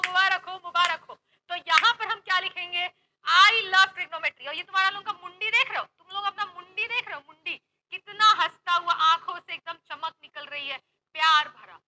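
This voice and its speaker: Poor audio with slight background noise captures an extremely high-pitched, pushed and bright female voice. She's a young woman from Uttar Pradesh, India, with a local Hindi accent, running a chatty, teasing online maths class in a Hindi-English mix.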